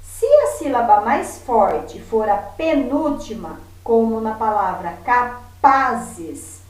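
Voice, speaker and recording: A woman teacher, giving a remote lesson to her pupils and patiently saying example words slowly so they can hear them. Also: a little high, very animated, dark tone, soft background music. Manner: patient, repeats words slowly to model stress. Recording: very echoey room, voice from far off.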